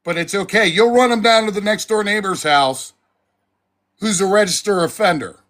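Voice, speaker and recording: A man's voice: high-pitched, normal speed. A man ranting heatedly on a livestream, swearing, raising his voice and then apologizing. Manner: swearing, swings between shouting and apologizing. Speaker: livestream commentator.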